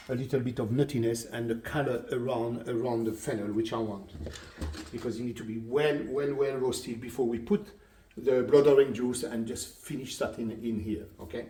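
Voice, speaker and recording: A man with a French accent, a chef giving a cooking demonstration in a kitchen, chatty and relaxed, often repeating words as he explains. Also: mid-range voice, normal speed, slight background noise. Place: kitchen at the stove. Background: sizzling frying pan.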